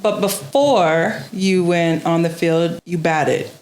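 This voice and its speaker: A woman's voice: on the low side, slow, a little mellow, roomy sound. A woman hosting a podcast, asking young players probing, coaching questions. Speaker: podcast host.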